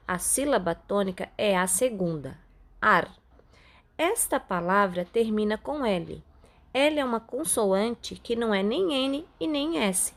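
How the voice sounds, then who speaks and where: A woman teacher with a Brazilian Portuguese accent, patiently explaining a grammar lesson step by step and slowing down on key words. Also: mid-range voice. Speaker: Spanish teacher. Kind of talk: recorded online class.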